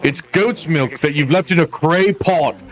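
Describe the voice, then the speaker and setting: A man's voice: on the high side, unhurried, lightly acted. A man playing a proud bog-folk mage in live fantasy role-play, speaking in a declarative, explanatory way. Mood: explaining.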